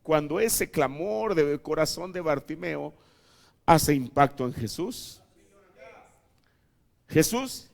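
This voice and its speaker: A male preacher gives a sermon in a church. His voice is high for a man, and he swings dramatically between hushed asides and shouted emphasis. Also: expressive, takes it slowly, vocal fry, pauses often. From Mexico. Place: church tabernacle.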